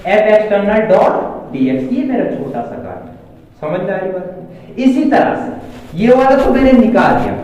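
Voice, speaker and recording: A male physics teacher lectures a class in a high, mellow voice, stopping again and again to ask his students if they follow. He is picked up from a distance in a very echoey classroom with a long reverb. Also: very animated, normal speed, dull audio. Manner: keeps asking the class questions to check understanding.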